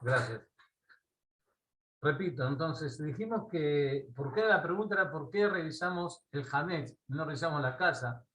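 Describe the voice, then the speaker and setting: A man with an Argentine accent teaching a Torah class. He tells a parable in a lively way and often checks in with his listeners. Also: fairly high pitch, moderate pace, low-quality recording. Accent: Argentine Spanish. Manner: animated storyteller, asks listeners "¿sí?" often.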